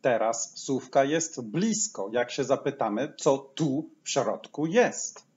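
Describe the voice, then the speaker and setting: A man gives a patient language lesson, lingering over each example and repeating it slowly. His pitch rises and falls in a lively way. The recording sounds dull and lo-fi. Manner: says each English phrase slowly twice, explaining patiently. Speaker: English teacher.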